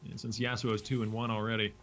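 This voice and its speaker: A man casting an esports match, giving quick play-by-play with wry jokes. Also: lowish voice, flat delivery, a bit bright, slight background noise. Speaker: esports caster. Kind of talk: play-by-play commentary.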